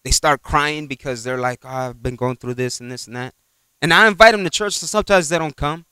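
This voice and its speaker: A man's voice: on the high side, brisk, sharp tone, clean tone, dry recording. A man preaching a conversational sermon in a church, rambling through retold exchanges and peppering his talk with "you know.".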